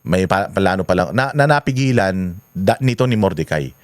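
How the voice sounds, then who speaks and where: Lively guy host telling a story, laughs a lot, dry close mic. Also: deep voice, moderate pace, clear, resonant tone, no echo. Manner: animated, laughing, full of fillers. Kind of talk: casual storytelling commentary.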